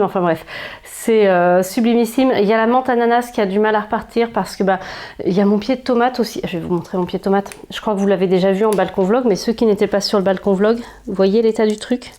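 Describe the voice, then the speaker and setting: A woman with a French accent chats enthusiastically about her houseplants, filling her talk with little hesitations. Her voice is mellow and warm, at an ordinary middle pitch for a woman. She is recorded casually at home, indoors. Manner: chatty, enthusiastic, frequent fillers. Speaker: plant vlogger. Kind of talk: casual chat.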